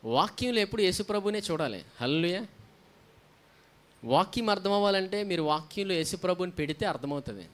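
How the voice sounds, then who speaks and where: A man's voice: sits high, animated, fairly quick, a bit bright. A man preaching a sermon as a pastor, often asking the congregation questions and answering them himself, with frequent hallelujahs. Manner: frequent hallelujahs between points.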